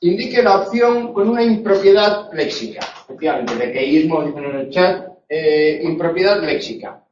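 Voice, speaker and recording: A man's voice: a little high, lively intonation, normal speed, a little mellow, a little hiss or hum. A man from teaching a live online grammar lesson, explaining with jokey asides and checking in often with "eh?" and "no?". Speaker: Spanish language teacher. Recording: echoey, distant, dull room sound.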